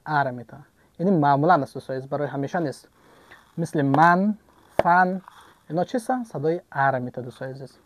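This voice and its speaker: Man, English teacher, lively rising and falling pitch, mellow tone, repeats words, asks and answers himself. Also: dry recording. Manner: repeats each example word several times, asks and answers his own questions. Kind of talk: online language lesson.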